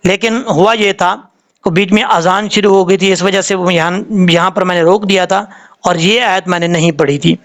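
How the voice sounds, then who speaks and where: A man's voice: sits high, steady tone, moderate pace, a bit bright. A man with a Pakistani Urdu accent teaching Quran reading, patiently drawing out letter sounds to show how they are said.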